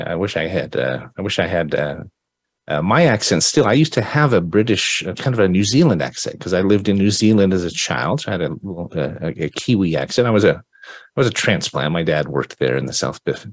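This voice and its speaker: A male host with a very low voice talks in a rambling, effusive way, often restarting his sentences. The sound is dry and close, with no room around it. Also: lively intonation, fairly quick, dry recording. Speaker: podcast host. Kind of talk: casual interview.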